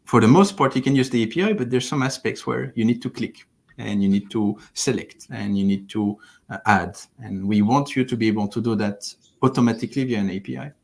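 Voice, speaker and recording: A man's voice: on the low side, a little fast, gravelly. A man in his thirties from France, explaining thoughtfully with frequent restarts as a platform engineering lead, on a headset over a video call from his living room. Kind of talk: livestream interview.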